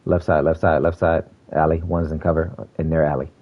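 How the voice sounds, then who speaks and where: A man streaming a game delivers casual live commentary flatly and a little fast. He's slangy, keeps saying "bro," and calls out enemies. The bad mic makes the low-quality audio muffled.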